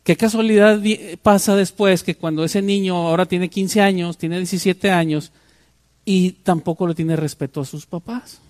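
A man's voice: high-pitched, steady tone, normal speed, a little mellow, no room sound. An older man, preaching a sermon and putting rhetorical questions to his congregation. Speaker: pastor.

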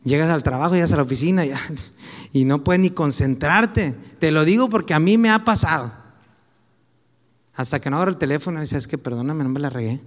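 High-voiced Mexican preacher in a reverberant hall. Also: male voice, fairly quick, pauses often. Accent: Mexican Spanish. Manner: conversational, anecdotal, slangy. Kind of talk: sermon.

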